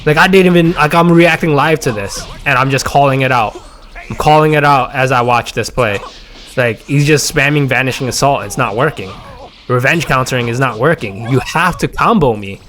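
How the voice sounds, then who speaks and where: A man's voice: medium pitch, normal speed, a bit bright, faint music behind. A man giving casual gameplay commentary, rambling with lots of fillers and restarts. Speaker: gaming content creator.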